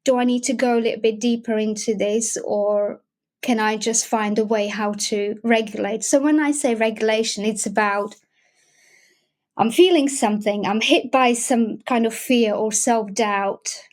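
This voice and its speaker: A woman's voice: fairly high pitch, fairly even intonation, normal speed, darkish tone. A young adult woman with a Slovak accent, speaking in a casual interview as a wellbeing guest, hesitant with many restarts. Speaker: guest, emotional wellbeing facilitator.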